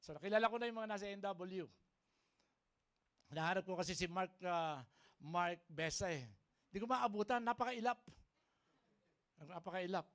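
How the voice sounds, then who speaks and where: At a church service, a Filipino pastor preaches a lively sermon in a mix of Tagalog and English, regularly asking the congregation to agree with him. His voice sits high, and he keeps a moderate pace with long pauses.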